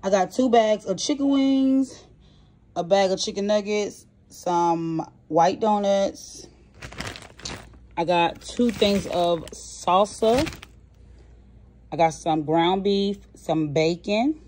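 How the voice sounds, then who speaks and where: Filming her groceries on a phone at home from off camera, a young woman vlogger chats casually through her haul. Her voice is on the low side, and she lists the items in a relaxed, chatty way full of fillers.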